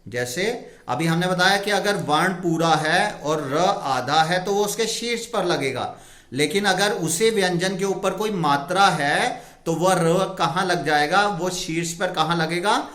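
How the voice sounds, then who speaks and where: Slow, high-voiced male Hindi teacher. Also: fairly bright tone, roomy sound. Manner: asks questions and answers them himself. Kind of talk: slow explanatory lesson with rhetorical questions.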